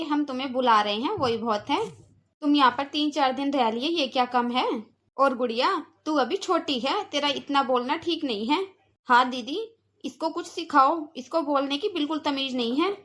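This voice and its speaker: A sharp-tongued, stingy aunt, voiced by a woman for a cartoon, lecturing in a high voice. She talks down to her niece and her sister-in-law. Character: stingy, scolding aunt by marriage. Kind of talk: cartoon voice acting.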